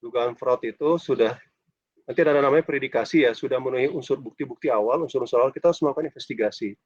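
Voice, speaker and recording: A man's voice: mid-range voice, very fast, breathy edge, no room sound. A man lecturing a university class over a video call with a dull, choppy connection, chatty and ending phrases with a questioning "ya". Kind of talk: casual online class lecture.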